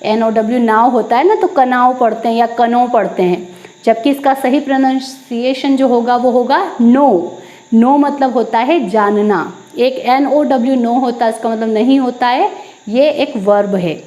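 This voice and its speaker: A woman's voice: on the high side, fairly even intonation, normal speed, mellow. A young woman, teaching an English lesson to viewers, repeating key points and answering her own questions.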